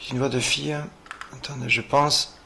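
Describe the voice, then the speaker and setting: A man investigating the paranormal, commenting excitedly on his recordings in halting, exclamatory bursts. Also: mid-range voice, gravelly. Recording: noisy recording with hiss.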